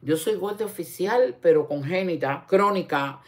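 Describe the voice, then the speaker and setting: Older woman, cuban accent, animated teasing commentary, lowish voice. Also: normal speed. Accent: Cuban Spanish. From Cuba. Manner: animated, teasing, talks straight to the viewer. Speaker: online show host. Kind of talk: casual commentary chat.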